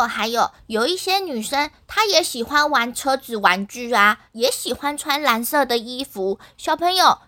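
A woman's voice: high-pitched, pushed and bright, full character voice. A woman voicing a spirited, confident schoolgirl who talks eagerly and insistently in a children's story.

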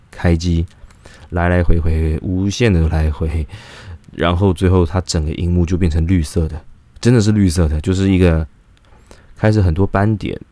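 A man's voice: low-pitched, warm tone, no echo. A young man tells a rambling personal story in a casual vlog, full of fillers and restarts.

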